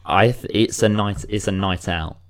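A man's voice: fairly low pitch, steady tone, normal speed, clean tone. A man hosting a casual music review chat, rambling with frequent restarts. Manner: rambling, restarts, many "you know".

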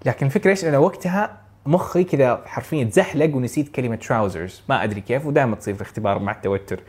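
A rapid-fire Saudi man with a Hejazi lilt, talking a viewer through exam tips. He keeps things light and energetic, with frequent chuckles, and drops English phrases into his Arabic. His voice sits at an ordinary middle pitch. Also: slightly rough. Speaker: IELTS speaking tutor. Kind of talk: casual instructional talk to camera.

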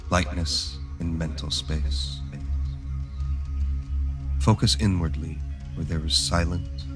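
A man guiding a meditation in a soft, calm, soothing way, like an instructor leading relaxation. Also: low voice. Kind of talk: guided meditation narration.

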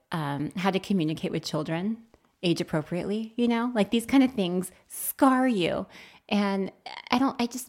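Animated young woman telling a story. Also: on the low side. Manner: animated storytelling with lively quoted voices. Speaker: podcast co-host. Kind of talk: casual chat.

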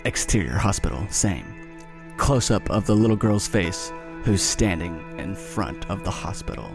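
A man's voice: low voice, lively intonation, normal speed, creaky, over music. A man reading screenplay stage directions aloud in a breezy way, often breaking into laughter. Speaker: script reader.

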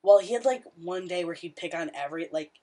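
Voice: mid-range voice, animated, fast, dark tone. A young adult co-hosting a podcast, chatting casually with blunt, dramatic remarks. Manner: blunt, dramatic, frequent laughter. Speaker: podcast co-host. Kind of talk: casual chat.

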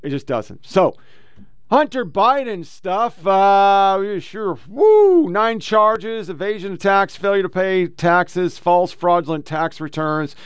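A man's voice: high-pitched, lively intonation, slow pace, smooth, no room sound. An American man hosting casual political commentary, blunt and full of swearing. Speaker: host.

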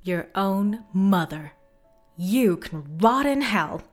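A woman voicing a calm, cold female ghost-hunter who speaks quietly and measured, half in a whisper. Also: mid-range voice, faint music behind, pitched above the performer's own voice.

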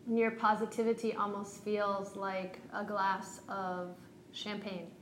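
Calm, slow-paced woman guiding meditation. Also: medium pitch. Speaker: yoga and meditation teacher. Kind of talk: guided meditation. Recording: roomy echo, faint background noise.

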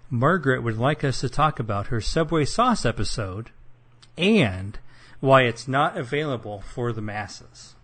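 A man's voice: mid-range voice, lively intonation, unhurried, a bit bright. A young man with a Midwestern accent hosting a casual podcast chat, rambling and self-deprecating with lots of fillers. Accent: Midwestern American. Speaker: podcast host.

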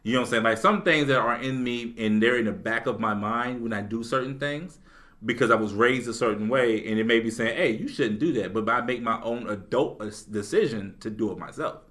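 A man's voice: medium pitch, brisk, fairly bright tone. A young man co-hosting a podcast in casual chat, rambling with restarts and laughing often. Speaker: podcast co-host.

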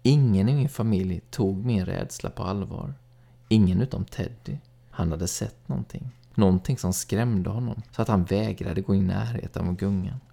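A man narrating a first-person story in a calm, even storytelling read. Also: deep voice, vocal fry. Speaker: audiobook narrator.

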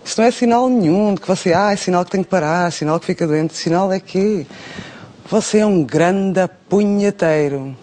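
A man's voice: high-pitched, moderate pace, a little mellow, lightly acted. A man voicing a brash middle-aged agony aunt on a comic radio phone-in, with a European Portuguese accent and a blunt, mocking, theatrical delivery. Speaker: radio advice host.

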